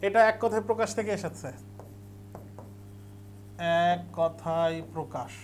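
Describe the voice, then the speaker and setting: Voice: mid-range voice, a little slow, slight background noise. A teacher giving an exam revision lecture, explaining step by step and repeating key points for emphasis.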